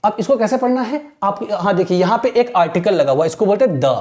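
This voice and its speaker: A woman with an Indian accent teaching an English editorial, reading lines slowly and explaining each one with a repeated "theek hai na". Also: medium pitch, lively intonation, a little mellow.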